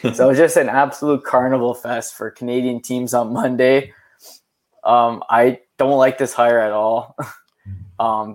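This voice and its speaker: Rambling young man on a sports podcast. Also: mid-range voice. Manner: rambling, frequent "like" fillers. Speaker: podcast co-host. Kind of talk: casual sports chat.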